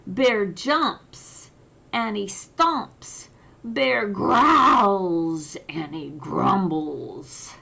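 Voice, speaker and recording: A woman reading a children's picture book aloud with drawn-out, emphatic, expressive storytelling. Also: mid-range voice, vocal fry.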